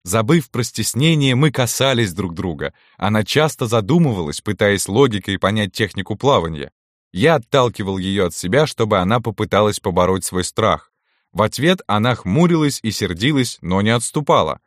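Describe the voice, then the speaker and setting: A man reading a first-person romance story aloud in a calm, intimate storytelling manner. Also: on the low side, normal speed, no room sound, clean studio sound. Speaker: audiobook narrator.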